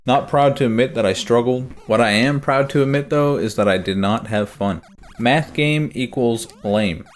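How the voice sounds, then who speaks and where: A man narrating a comedic video game review in a deadpan, sarcastic manner. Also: mid-range voice, fairly quick, hardly any pauses, a little hiss or hum.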